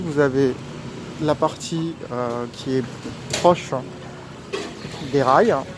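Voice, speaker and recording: A man giving a casual walking tour as a vlogger, his voice slightly muffled through a face mask, outdoors on a busy street. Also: fairly high pitch. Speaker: vlogger, street food guide. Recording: outdoor street recording with clear traffic noise. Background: urban street noise, vehicles.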